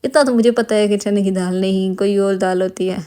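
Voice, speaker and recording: A woman's voice: mid-range voice, fairly even intonation, dark tone, clean tone, lightly acted. A woman voicing a blunt young man who scolds his friend in jest, read from a novel. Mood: mock-scolding.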